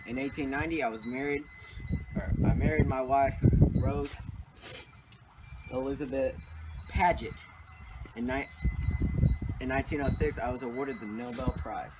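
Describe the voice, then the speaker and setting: A man playing a formal English physicist for a school project, reciting slowly. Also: mid-range voice, very noisy, natural voice. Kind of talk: school project role-play.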